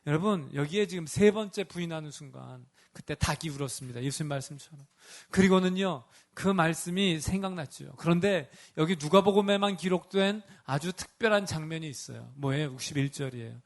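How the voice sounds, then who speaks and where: Gravelly-voiced pastor preaching emphatically. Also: male voice, on the high side, fairly quick, hardly any pauses. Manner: emphatic, asks the congregation rhetorical questions; acts out scripture figures in his own voice. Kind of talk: sermon.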